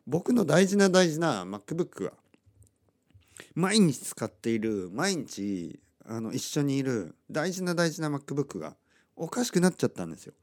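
Man with a lively, animated delivery and a middle pitch for a chatty story vlog; talks loosely with fillers and plays the people he quotes. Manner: chatty, acts out quoted lines in other voices; laughs often between remarks. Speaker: vlogger telling a personal story. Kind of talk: casual storytelling monologue.

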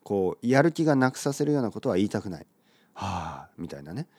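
A man's voice: medium pitch, very animated, rapid-fire, darkish tone, no room sound, clean studio sound. A man teaching a casual spoken lesson for language learners, friendly and encouraging, sometimes dropping into mumbled demonstrations.

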